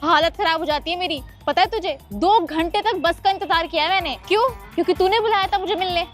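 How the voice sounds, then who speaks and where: A woman's voice: very high-pitched, quick pace, soft background music. A woman voicing a grumpy young man who complains bluntly and rudely about the heat, in a comedy sketch.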